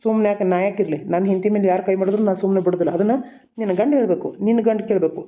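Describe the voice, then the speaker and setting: A voice actor, speaking quickly in a scolding, lecturing cartoon role. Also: medium pitch, steady tone. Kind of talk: dialect cartoon voice acting. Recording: tinny phone-like recording.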